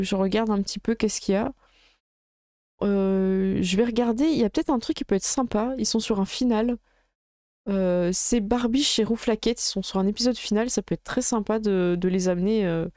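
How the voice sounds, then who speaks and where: Warm-voiced chatty woman streamer. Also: a little high, dry recording, clean studio sound. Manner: chatty, halting, many fillers. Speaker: game master and streamer. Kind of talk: casual chat closing a live stream.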